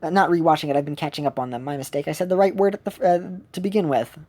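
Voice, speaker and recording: A woman's voice: low voice, rapid-fire, mellow. A woman streamer chatting casually while she plays a game, rambling and often correcting herself. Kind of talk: casual chat while gaming.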